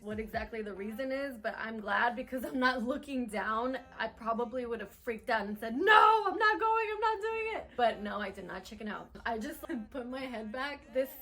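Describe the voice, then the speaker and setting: A young adult woman telling a personal story to camera in a chatty, animated vlog style. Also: a little high, moderate pace, few pauses. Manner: chatty, animated, lots of "like" and "oh my gosh". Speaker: vlogger.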